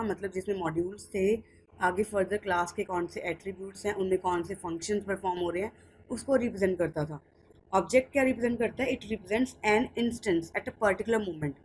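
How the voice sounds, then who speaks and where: A woman's voice: mid-range voice, a little mellow, slight background noise, poor audio. A woman with an Indian English accent giving a lecture, switching between Hindi and English and answering her own questions. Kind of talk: classroom-style lecture.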